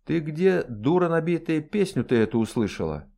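A man doing a gruff, scolding noblewoman. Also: medium pitch, expressive, moderate pace, darkish tone, lightly acted. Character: coarse, sharp young noblewoman mistress.

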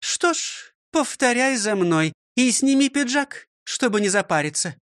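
In this audiobook reading, the narrator takes on the role of a stern, domineering old schoolteacher, her high voice lively and leaping in pitch though unhurried. She berates and orders about her former pupil without mercy, counting out exercises in clipped, dry words. The sound is close-miked and dry, with no echo.

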